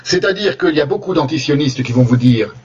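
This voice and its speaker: A man delivering a spoken lecture over slides, deliberate, often restarting his phrases as he goes. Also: fairly high pitch, expressive, a little mellow, recorded from a distance, lo-fi sound, a little hiss or hum. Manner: deliberate, with frequent restarts and hesitations.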